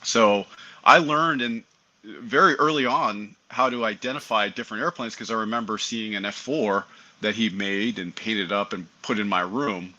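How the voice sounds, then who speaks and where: Bright-voiced man telling pilot stories. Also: lowish voice, normal speed, dull audio. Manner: animated, acts out remembered dialogue. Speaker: airline pilot guest. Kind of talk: casual interview storytelling.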